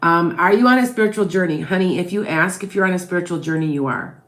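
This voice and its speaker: Talking fast in a lowish, slightly bright voice, this Midwestern woman with a mixed Wisconsin-Chicago accent works through viewer questions as a psychic tarot reader on a live stream. She often ends her points with "okay? all right?".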